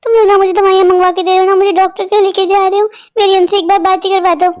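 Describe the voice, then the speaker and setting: In a cartoon, a woman voices a frail, neglected old mother who wearily pleads for care. The voice is pitched very high and sounds tired and complaining. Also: level tone, quick pace, a little mellow. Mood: weary pleading. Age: older. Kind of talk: animated cartoon voice acting.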